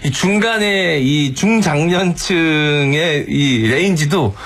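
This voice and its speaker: A man in his forties talking as a guest on a talk show, chatty and quick to laugh. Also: fairly high pitch, animated, fairly bright tone. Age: 40s. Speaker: panelist. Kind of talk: casual talk show chat.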